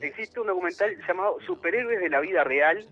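A man calling into a radio show, relaxed and wry as he recommends a documentary. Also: high voice, quick pace. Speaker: caller. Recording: dull lo-fi phone line.

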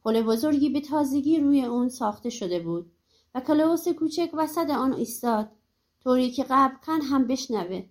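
High-voiced woman narrating a folk tale. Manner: lively, animated storytelling. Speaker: audiobook narrator. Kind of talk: expressive storybook narration.

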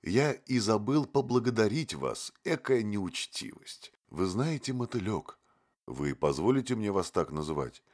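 A naive young poet, put on by a male reader, spills over with eager gratitude. The voice sits well above the reader's own and stretches its words. It comes across as soft and flattering. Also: lowish voice, pitched above the performer's own voice. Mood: gushing. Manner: gushing, eager, drawn-out.

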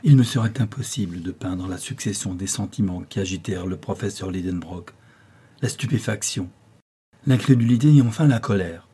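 Dark-voiced man reading a novel. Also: low voice, a little hiss or hum. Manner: measured, expressive reading. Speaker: audiobook reader. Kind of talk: scripted novel narration.

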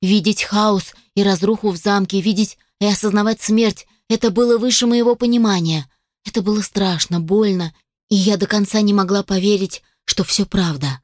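A woman of middle pitch reads a fantasy novel aloud in the first person, steady and expressive. The voice sits close and dry, with no room sound. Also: normal speed, no room sound. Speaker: audiobook narrator. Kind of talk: first-person audiobook narration.

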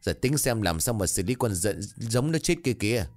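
A man's voice: fairly low pitch, animated, moderate pace, faint music behind, natural voice. A man voicing a stern, worried older farmer who talks curtly to his wife. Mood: gruff. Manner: gruff, curt.

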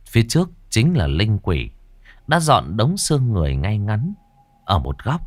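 Expressive male horror storyteller. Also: lowish voice, normal speed, no room sound. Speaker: narrator. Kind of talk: dramatic horror story reading.

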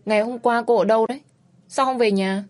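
A woman voicing a calm, bossy young man who speaks in short, commanding lines. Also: a little high, fairly quick, pitched above the performer's own voice, lightly acted. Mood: curt.

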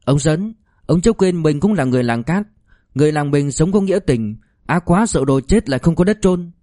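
A man's voice: fairly high pitch, expressive, fairly quick, mellow, no echo, studio quality, voice pushed up, lightly acted. A man voicing a bold village woman who speaks up against the militia in a story reading. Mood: pleading firmly.

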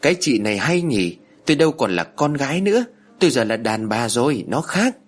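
A bossy old matriarch from a storybook rails and wails at her daughter-in-law, a man putting on her voice. The voice is husky and swoops widely, loud and pushed high. Faint music plays underneath. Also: sing-song, fairly quick. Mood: scornful. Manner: loud, wailing, scolding. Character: shrill scolding old mother-in-law.

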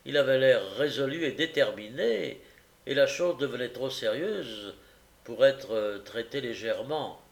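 Male narrator for a classic novel audiobook, gravelly, roomy room. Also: medium pitch, measured pace. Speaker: audiobook reader.

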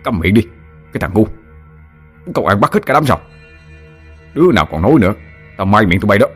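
A man's voice: lowish voice, sing-song, fairly quick, slightly rough, faint music behind. A male narrator voicing a brutal, hot-tempered young bridegroom who scolds harshly. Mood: angry.

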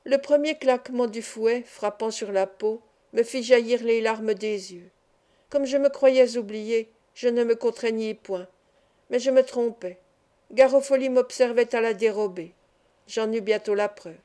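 A woman narrating a classic novel in the first person in a calm, measured way. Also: fairly high pitch. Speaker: audiobook reader. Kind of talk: literary audiobook narration.

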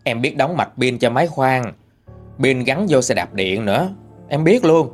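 A man with a Southern Vietnamese accent reading a first-person story in a lively, gossipy way. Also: medium pitch, normal speed, faint music behind. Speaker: ghost story reader.

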